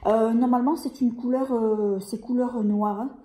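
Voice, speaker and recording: A woman with a fairly high but mellow voice chats through a beauty unboxing. She hesitates often, trailing on fillers and starting phrases over. The room around her is echoey. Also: steady tone, moderate pace. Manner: hesitant, many fillers and restarts. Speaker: beauty vlogger. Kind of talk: casual product unboxing.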